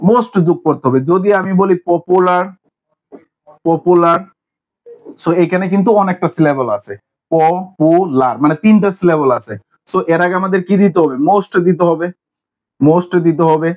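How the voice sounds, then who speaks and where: A man's voice: sits high, fairly even intonation, normal speed, pauses often, a little mellow. A young man teaches an English grammar lesson online, asking questions and answering them himself.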